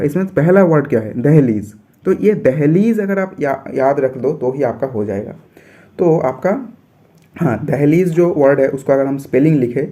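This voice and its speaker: A man's voice: mid-range voice, dark tone. A young man from India teaching biology for an entrance exam, explaining step by step and repeating his points.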